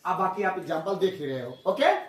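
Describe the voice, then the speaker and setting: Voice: mid-range voice, very animated, fairly quick. A teacher giving a classroom lesson who drills pupils with repeated call-and-response questions and calls them children. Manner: addresses pupils as children, scolds chatter. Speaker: English teacher. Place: classroom with traffic outside. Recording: roomy classroom sound, distant mic, faint traffic noise.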